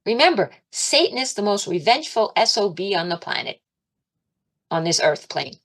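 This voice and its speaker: Woman, informal sermon, chatty, animated, laughs a lot, voice at an ordinary middle pitch. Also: normal speed. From Italian and Irish heritage. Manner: chatty and animated, laughs often, shouts when acting out her pleas to God. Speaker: spiritual teacher.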